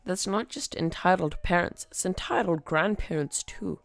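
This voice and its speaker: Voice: mid-range voice, moderate pace, vocal fry, dry recording. A podcast host reading online stories aloud in a wry, conversational way. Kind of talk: story reading.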